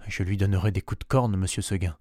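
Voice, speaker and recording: A gentle, stubborn little nanny goat from a storybook, longing for the mountain, as a man reading aloud puts her on. She speaks softly in a low, quiet voice, calm but unbending, and the recording is dry and close. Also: fast, no room sound. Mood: insistent.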